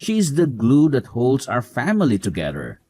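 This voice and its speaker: A man's voice: mid-range voice, wildly swooping pitch, normal speed, darkish tone, dry recording. A man voicing a dismissive young husband who mocks his wife and defends his mother. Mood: indignant. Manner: mocking, dismissive. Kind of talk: animated story voice acting.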